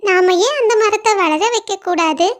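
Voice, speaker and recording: Mittu, a woman doing a lively clever parrot. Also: extremely high pitch. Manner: lively, quick, exclaiming.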